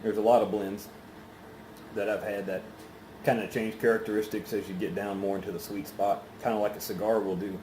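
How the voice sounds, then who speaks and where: A man chatting casually through a solo review in an unhurried, halting, rambling way, with pauses. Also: on the low side, little pitch movement, a little mellow. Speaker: pipe tobacco reviewer. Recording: roomy echo, faint background noise.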